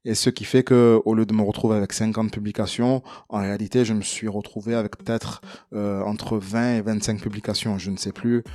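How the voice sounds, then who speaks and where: A man walking viewers through a casual screen-recording tutorial, chatty and relaxed with plenty of fillers and some self-deprecating humor. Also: lowish voice, a little fast, no echo. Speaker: tutorial creator.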